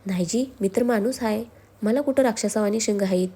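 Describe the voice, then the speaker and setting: A woman's voice: mid-range voice, brisk, dark tone, lightly acted. A woman voicing a simple, timid woman house servant who speaks plainly. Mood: naive.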